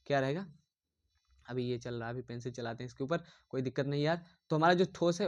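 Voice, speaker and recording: A man giving a casual online engineering drawing lesson, repeating himself often and calling viewers dear. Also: on the high side. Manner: repetitive, rambling, addresses viewers as dear.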